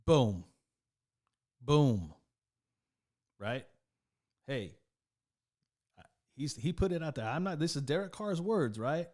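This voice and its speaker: A man's voice: a little high, very animated, takes it slowly, long pauses, darkish tone. A man giving casual commentary on a sports news video, talking in a loose, repetitive way and often tagging his points with "right?". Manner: conversational, repeats himself, keeps asking "right?".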